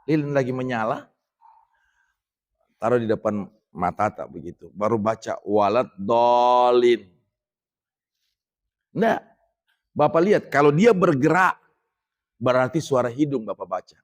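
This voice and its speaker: A middle-aged man from Indonesia giving a religious lecture in a mosque, talking conversationally to the men present and reciting Arabic phrases slowly. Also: mid-range voice, animated.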